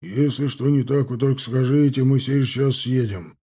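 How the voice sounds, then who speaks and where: A man voicing a devoted, humble veteran soldier in an audiobook, talking high and loud. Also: normal speed, slightly rough, natural voice. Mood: earnest, humble. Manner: shouting joyfully, then apologetic.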